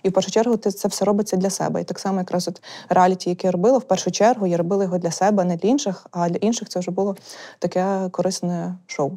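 A young woman chatting candidly as a guest, telling stories in a rapid, animated way. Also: lowish voice. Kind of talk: candid casual chat.

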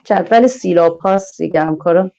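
A woman giving an online teacher-training lecture, drawing words out slowly in a sing-song teaching manner. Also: lowish voice, gravelly, dark tone, dull audio. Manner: slow, sing-song, drawn-out teaching delivery.

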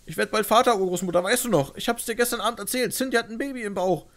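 A man's voice: sits high, quick pace, fairly bright tone, voice pushed up. A man voicing a grieving, devoted young great-grandson in a narrated game story, pleading and emotional. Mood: tearful, earnest.

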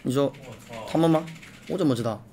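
A young man streaming live, chatting casually while watching a match and thanking viewers for gifts, repeating himself when excited. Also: mid-range voice, brisk, a little hiss or hum. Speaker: game streamer.

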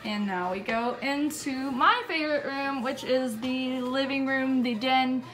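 A woman's voice: sits high, a little slow, fairly bright tone, soft background music. A young woman giving a casual, giggly, self-deprecating house tour, talking into a handheld phone as she walks through a cluttered home at night. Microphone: phone camera held by the walker. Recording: noisy home recording.

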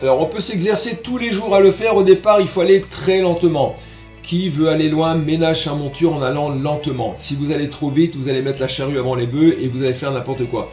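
A man's voice: fairly high pitch, steady tone, fairly quick, darkish tone, roomy sound, soft background music. A man teaching trumpet online, explaining tonguing patiently and sounding out syllables as he goes. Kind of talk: online music lesson.

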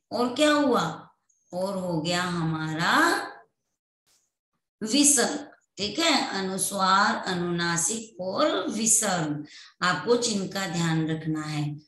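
A woman teaching Hindi to young children in an online class, slowly and patiently repeating words for them to say back. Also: medium pitch, a bit bright, reverberant. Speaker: primary school Hindi teacher.

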